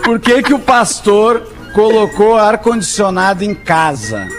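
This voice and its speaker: High-voiced man telling riddles on radio. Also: expressive, measured pace, music in the background. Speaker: radio show regular. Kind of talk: comedic radio banter.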